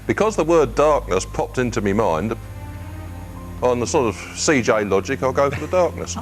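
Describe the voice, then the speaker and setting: A man's voice: mid-range voice, animated, normal speed, soft background music. A man on a quiz team who speaks frankly and jokes about his own gaps in knowledge. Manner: frank, self-deprecating. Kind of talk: casual chat.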